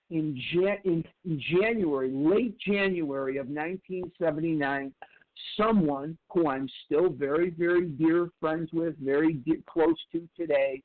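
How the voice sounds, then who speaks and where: A man in his sixties giving a candid, emphatic personal recovery share, often repeating phrases. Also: fairly high pitch. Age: 60s. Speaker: recovery speaker. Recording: tinny phone-like recording.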